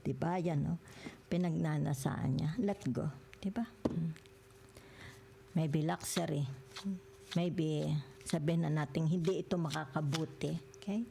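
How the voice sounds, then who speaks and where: A woman's voice: sits low, gravelly, dark tone, a little hiss or hum. An older woman giving a tarot reading, mixing Tagalog and English and ending nearly every phrase with a questioning tag. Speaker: tarot reader.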